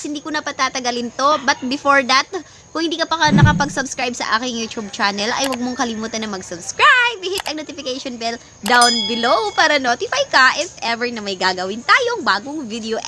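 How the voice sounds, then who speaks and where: A woman's voice: fairly high pitch, noisy background. A Filipino woman chatting casually in a home vlog, mixing English into her talk, with lots of fillers. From Philippines. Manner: chatty, mixes English into Tagalog, many fillers, laughs often. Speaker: plant vlogger.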